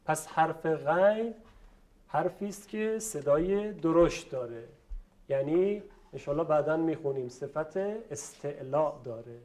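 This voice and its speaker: A man teaching a class how to pronounce Arabic letters, politely asking students questions and stretching out example words slowly. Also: a little high, animated, a little mellow. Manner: slow, drawn-out model pronunciations. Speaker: Quran recitation teacher. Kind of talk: classroom lesson on letter pronunciation.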